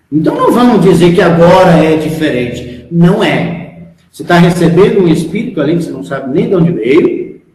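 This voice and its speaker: Brazilian guy preaching to his followers, higher voice that swings up and down a lot, very frank. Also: darkish tone. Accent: Brazilian Portuguese. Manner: frank, emphatic, asks the audience rhetorical questions. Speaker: spiritual instructor. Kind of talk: spiritual lecture to followers. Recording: echoey hall, long reverb.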